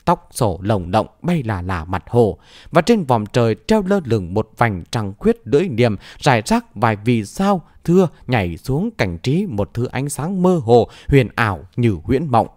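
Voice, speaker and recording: A man's voice: medium pitch, very animated, measured pace, darkish tone, dry recording, clean studio sound. A man narrating a martial-arts novel as an audiobook with dramatic storytelling.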